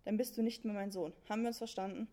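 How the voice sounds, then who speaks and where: A woman's voice: medium pitch, steady tone, fast talker, dark tone, close to an everyday voice. A woman voicing an angry count scolding his son in crude slang.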